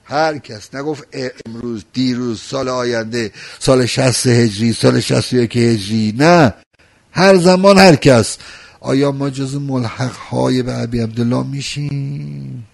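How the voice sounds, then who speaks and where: Male preacher, gravelly voice, emotional sermon delivery with big swings in loudness. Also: mid-range voice. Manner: emotional, swings from loud pleading to soft intimate talk. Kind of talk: religious sermon.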